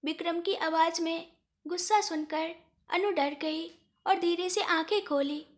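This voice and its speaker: Very high-voiced woman storyteller. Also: measured pace. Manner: steady, plain storytelling. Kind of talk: scripted story narration.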